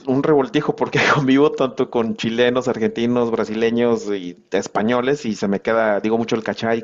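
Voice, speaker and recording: Halting Mexican man, slightly dull audio. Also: mid-range voice. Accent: Mexican, non-central. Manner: halting, many pauses and restarts. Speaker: podcast guest. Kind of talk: casual conversational interview.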